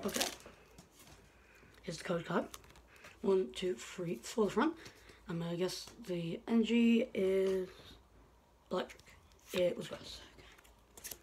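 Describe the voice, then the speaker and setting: A woman's voice: mid-range voice, unhurried, pauses often, darkish tone, slight background noise. A woman chatting casually while opening card packs, rambling with lots of fillers, in an indoor room by a window. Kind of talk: casual unboxing chat.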